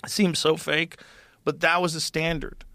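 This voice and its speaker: A man's voice: on the high side, flat delivery, normal speed, sharp tone, dry recording. A man in casual podcast chat, blunt and profane, talking in strong opinions. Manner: blunt, profane, opinionated, mimics voices for effect.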